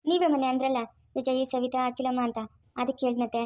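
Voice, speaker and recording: A woman's voice: high voice, fairly even intonation, fast, darkish tone, close to an everyday voice. A woman voicing a remorseful young pregnant daughter-in-law, plaintive and self-blaming. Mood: subdued.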